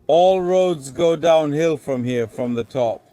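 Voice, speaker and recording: A man narrates a travel vlog shot on a handheld phone, chatting casually as he walks city streets, eats, and later drives. His voice is fairly high in pitch with a dark tone, and he speaks slowly.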